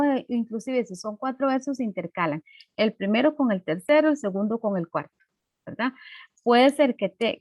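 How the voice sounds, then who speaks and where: A woman teacher giving an online class, explaining slowly with many fillers and tag questions. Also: on the high side, no room sound, dull audio.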